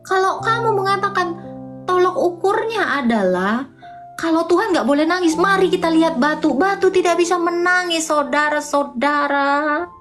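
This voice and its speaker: A woman's voice: very high-pitched, animated, normal speed. A woman hosting a casual livestream debate, teasing and mocking viewers with sing-song rhetorical questions. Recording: music playing behind the voice.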